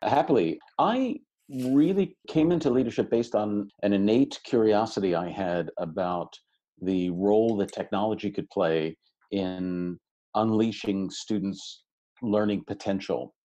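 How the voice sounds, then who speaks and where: A man over sixty with a low, mellow voice talks as a podcast guest. He speaks in a relaxed, welcoming and articulate way, with a few fillers, as he answers at length. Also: unhurried. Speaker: podcast guest, education researcher. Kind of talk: reflective interview answers.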